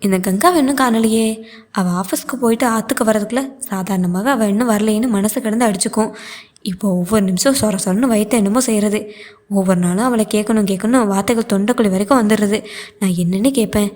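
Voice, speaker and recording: A woman's voice: medium pitch, fast, darkish tone, lightly acted. A woman voicing a worried older mother who pours out an anxious, complaining monologue about her daughter. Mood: anxious lament.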